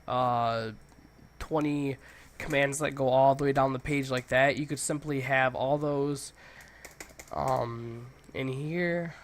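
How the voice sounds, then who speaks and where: Male tutorial host, mid-pitched, congested with a cold, loose and informal delivery. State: congested, stuffy nose from a cold. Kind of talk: casual software tutorial, screen walkthrough.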